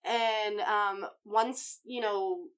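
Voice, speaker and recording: A woman in relaxed podcast conversation, her voice in a plain middle range. She rambles, trailing off and circling back as she explains. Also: medium pitch, drawn-out words. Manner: rambling, hesitant with fillers. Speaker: podcast co-host. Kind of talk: casual chat.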